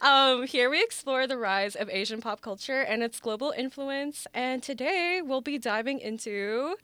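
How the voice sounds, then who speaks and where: Upbeat young woman host, smooth clear voice, dry close studio mic. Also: sits high, normal speed, bright, forceful tone, no room sound. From Canada. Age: young adult. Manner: upbeat, lots of filler words. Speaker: podcast host. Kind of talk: casual campus radio chat.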